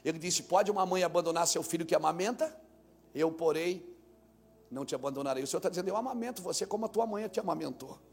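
High gravelly preaching pastor. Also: male voice, quick pace. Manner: preaching with rising shouts and sung cadences. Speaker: senior pastor. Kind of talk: sermon.

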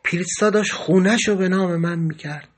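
A man's voice: sits high, husky. A man narrating a first-person memoir in an earnest, grave storytelling manner. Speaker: podcast narrator.

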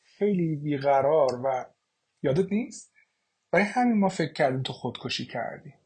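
A man's voice: a little high, lively intonation, darkish tone, slightly rough. A man voicing a shaken young daughter. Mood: defensive. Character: shocked young woman, a daughter.

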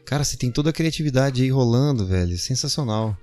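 A man's voice: medium pitch, lively intonation, quick pace, warm tone, dry recording, soft background music. A Brazilian man hosting a podcast, interviewing his guest casually and with enthusiastic praise. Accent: Brazilian Portuguese. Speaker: podcast host.

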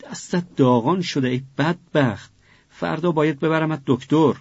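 Casting: a fussing mother, husky and slightly raised, read by a male narrator in a storybook. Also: a little high, darkish tone, dry recording, highs cut off, pitched above the performer's own voice. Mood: fretful. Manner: fretful, scolding. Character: worried, fussing mother, middle-aged.

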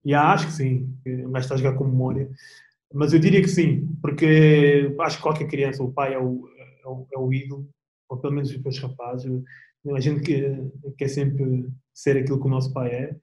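A young man with a European Portuguese accent, chatting as an interview guest in a relaxed, slangy way with plenty of restarts. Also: medium pitch, normal speed, echoey room, poor audio. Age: young adult. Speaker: guest athlete. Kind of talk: casual interview chat.

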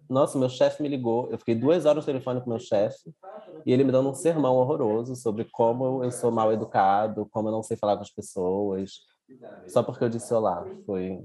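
A man chatting as a podcast guest, his voice dark and mellow. He tells anecdotes at an easy, conversational pace and grows animated when retelling them. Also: mid-range voice. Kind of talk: casual podcast chat.

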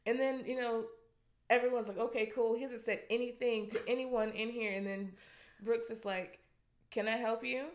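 A woman co-hosting a casual chat, telling stories in a profane, animated way and laughing as she goes. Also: on the high side, normal speed. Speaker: podcast co-host. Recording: echoey room.

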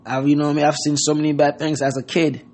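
He talks fast, with a fairly high, darkish voice that barely moves in pitch. The Haitian podcast host gives a loose, earnest motivational talk, peppered with "you know what I mean."

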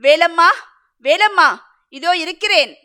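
A woman's voice: sits high, unhurried, bright, forceful tone. A woman doing a wounded village warrior husband. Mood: calling out. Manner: earnest, pleading.

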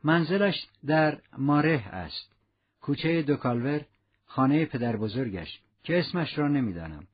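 A man voicing a weary fugitive who pleads in a low, earnest voice. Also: animated, breathy edge. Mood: quiet, urgent. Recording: muffled lo-fi recording.

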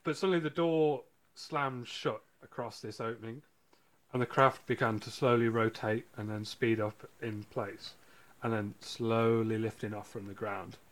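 A man hosting a casual podcast, telling a case and reading quotes aloud with halting restarts. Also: fairly low pitch, steady tone.

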